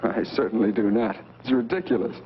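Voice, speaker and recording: A man's voice: fairly low pitch, fairly quick, close to an everyday voice. Guy playing skeptical young brother in a 1940s movie, self-assured, muffled with some noise. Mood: dismissive. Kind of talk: 1940s B-movie film acting. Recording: muffled, noisy vintage film soundtrack.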